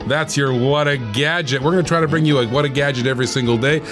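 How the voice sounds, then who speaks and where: A man hosting a talk show, pitching gadgets as an animated salesman who keeps repeating phrases and prices. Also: fast, music in the background. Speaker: host.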